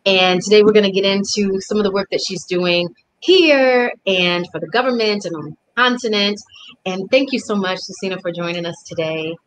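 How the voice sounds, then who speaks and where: A middle-aged woman hosting an online interview series, friendly and quick to laugh, on a video call. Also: mid-range voice, no room sound, poor audio. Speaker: host.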